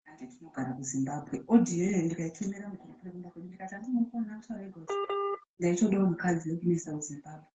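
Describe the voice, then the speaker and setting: A woman's voice: on the low side, racing, mellow. A woman heard on a played-back voice message, speaking in an aggrieved, accusing way and repeating her points for emphasis. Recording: muffled, roomy voice-note playback.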